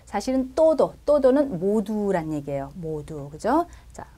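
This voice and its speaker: A woman's voice: medium pitch, very animated, slow, warm tone. A woman teaching Spanish in a recorded lesson, explaining step by step and often checking in with her listeners.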